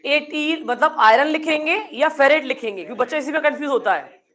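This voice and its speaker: With a high, expressive, slightly bright voice and a fairly quick pace, a woman with a Hindi accent teaches chemistry. She questions her students, answers her own queries, and acts out bewildered pupils in playful asides.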